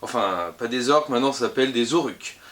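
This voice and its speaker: Upbeat guy at a game shop showing off new stuff, average pitch, keeps stumbling and correcting himself. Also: animated, fast, a bit bright, slight background noise. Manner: chatty and upbeat, lots of hesitations and self-corrections. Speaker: game shop employee presenting new releases. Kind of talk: casual product roundup to camera.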